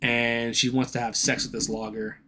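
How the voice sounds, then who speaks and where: A man's voice: mid-range voice, level tone, normal speed, sharp tone. Profane rambling man retelling a movie. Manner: profane, rambling plot recap. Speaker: podcast co-host. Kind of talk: casual chat.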